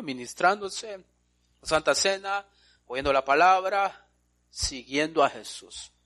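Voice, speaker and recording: A man preaches an emphatic sermon. His voice sits a little high and swings widely up and down. He keeps calling on his listeners directly. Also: fairly bright tone.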